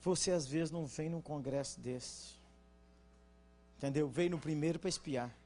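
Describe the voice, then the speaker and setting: A man with a Brazilian Portuguese accent preaching at a conference, joking with the congregation and asking them to respond, then dropping into quiet, earnest teaching. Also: on the high side, normal speed, faint music behind. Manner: swings from loud jokes to quiet earnest teaching. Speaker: pastor. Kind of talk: conference sermon.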